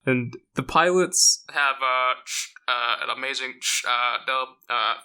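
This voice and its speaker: A man's voice: medium pitch, unhurried, bright, forceful tone, smooth. A man co-hosting a podcast, casually recapping a story with many fillers and restarts. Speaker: podcast host. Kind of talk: casual chat.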